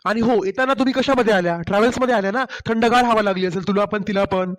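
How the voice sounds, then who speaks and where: A man playing a gentle, fast-talking husband. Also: high voice, natural voice. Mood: concerned. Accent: Marathwada Marathi. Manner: coaxing, concerned. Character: caring office-going young husband, gentle. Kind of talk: cartoon story voice acting.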